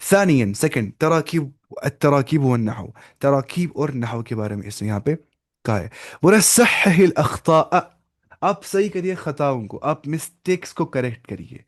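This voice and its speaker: A man's voice: medium pitch, darkish tone. A man teaching an online language class, explaining step by step, mixing in English words and quizzing his students by name. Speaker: Arabic teacher.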